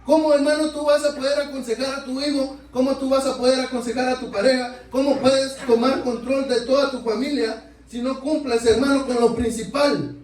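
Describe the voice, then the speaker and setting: High-voiced preacher man in echoey church. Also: level tone, moderate pace, few pauses, darkish tone. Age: adult. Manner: keeps addressing listeners as brothers, asks rhetorical questions. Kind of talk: sermon. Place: church sanctuary. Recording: echoey church, mic far off.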